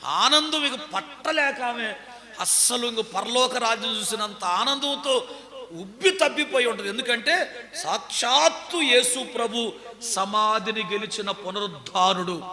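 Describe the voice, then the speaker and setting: A man's voice: very high-pitched, lively intonation, a little slow, sharp tone. A man preaching a sermon in a church hall, telling a story dramatically and checking that the congregation is listening. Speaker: pastor. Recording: echoey hall.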